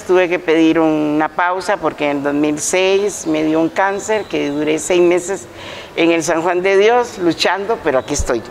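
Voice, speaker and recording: Older lady chatting about her teaching days, creaky voice, restarts words a lot. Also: on the low side, a little hiss or hum, poor audio. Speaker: guest, retired teacher. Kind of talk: casual interview storytelling.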